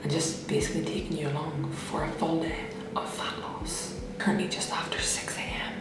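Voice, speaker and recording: A woman whispering in a hushed voice, chatting casually to camera as a fitness vlogger. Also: sits low, level tone, normal speed, very echoey. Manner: whispering, hushed to avoid waking others. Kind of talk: casual vlog chat to camera.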